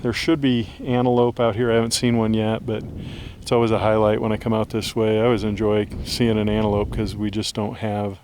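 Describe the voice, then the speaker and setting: A man's voice: fairly low pitch, flat delivery, brisk, few pauses, darkish tone. Easygoing man vlogging outdoors. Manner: easygoing, chatty, dry asides. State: out of breath at elevation. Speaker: fishing vlogger. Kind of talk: casual outdoor narration to camera. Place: outdoors on grasslands and creek trails. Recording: outdoor camera audio with noise.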